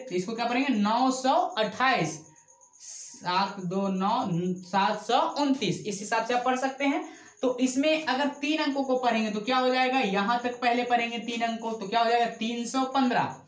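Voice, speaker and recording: A woman with a fairly high voice teaches a math lesson in an echoey classroom. She counts numbers aloud at a steady pace and asks questions that she then answers herself. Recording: echoey room.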